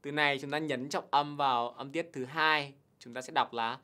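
A man teaching a televised English test lesson, explaining answers patiently and slowly repeating English words for students to copy. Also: mid-range voice, steady tone, bright, forceful tone. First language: Vietnamese. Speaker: TOEIC teacher.

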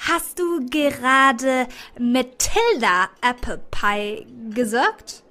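Brief: woman voicing a high, loud, excitable young busybody in a romance audiobook. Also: normal speed. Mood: puzzled. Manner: shrill, loud and breathless with excitement. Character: pushy giggly young woman, excitable and nosy.

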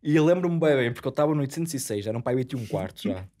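A man's voice: medium pitch, expressive, racing, mellow. A young man, telling a story in casual podcast chat, full of slang and laughter. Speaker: podcast co-host.

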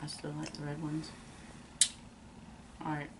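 Frau mit tiefer Stimme, kaut Bonbons. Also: female voice, deep voice, a little slow, creaky, heavy background noise. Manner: relaxed, talks with mouth full. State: chewing candy. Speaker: taste tester. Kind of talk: casual chat.

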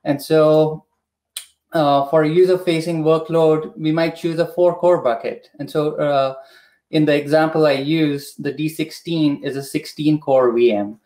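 A slightly high-voiced man walks through a technical process in a measured, methodical way, pausing often with "uh". He speaks over a video call from a home room, and the room gives his voice a noticeable echo. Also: fairly even intonation, warm tone. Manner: measured, explanatory, frequent "uh" fillers. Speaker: product expert guest. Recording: echoey room.

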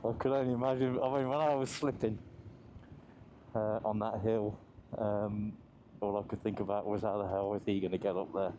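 A man's voice: fairly low pitch, flat delivery, moderate pace, warm tone, slight background noise. A man riding a motorbike on mountain roads, chatting casually through a helmet mic, laughing often and swearing easily. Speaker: motorcycle vlogger. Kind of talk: casual ride commentary.

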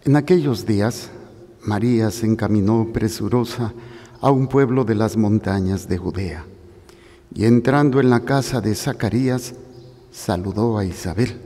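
A man serving as priest at Mass, reading the Gospel and preaching in a slow, solemn, measured way. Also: medium pitch, mellow. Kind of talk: liturgical Gospel reading and homily. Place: church during Mass. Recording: long church reverb.

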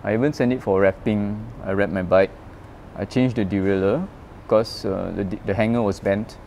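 In a relaxed interview, a Malaysian-raised bike owner talks about his road bike in an open night-time parking garage. He has a lowish voice at normal speed with slight background noise, chatting animatedly through stories with plenty of fillers and restarts.

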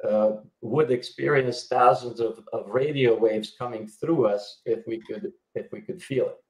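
Calling in by video from a home room, a middle-aged Hungarian-speaking healer from Yugoslavia describes what he does, stumbling through fillers and restarts. He speaks unhurriedly in a steady, medium-pitched voice, and the low-quality recording sounds roomy.

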